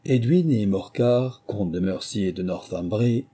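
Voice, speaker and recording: A man's voice: fairly low pitch, unhurried, warm tone, husky. A man voicing a fussy, self-important male mouse who lectures the others pompously.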